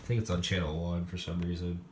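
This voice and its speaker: Speaking fairly quickly in a low voice with fairly even intonation, a hobbyist handles gear from his weather radio collection in an indoor room. He rambles and thinks aloud in a casual, unscripted show-and-tell, and the recording is echoey with loud background noise.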